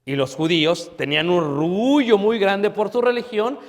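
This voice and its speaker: Emphatic preacher in an echoey hall. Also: male voice, high voice, steady tone, normal speed. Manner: emphatic, with rhetorical questions and sudden drops to a hush. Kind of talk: sermon. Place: church hall.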